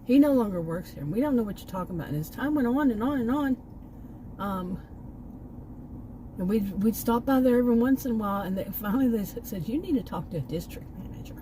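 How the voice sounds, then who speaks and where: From inside a car near a park, a middle-aged Texas woman with a Texan accent tells an exasperated, emphatic vlog story about a bad experience, rambling off into asides. She talks fast in a fairly high, expressive, mellow voice. The audio is poor, with slight background noise.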